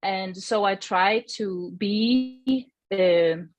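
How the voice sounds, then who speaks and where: As a guest, a woman from Iceland gives a gentle, reflective personal testimony, often searching for her words. She speaks extremely slowly in a mid-range voice.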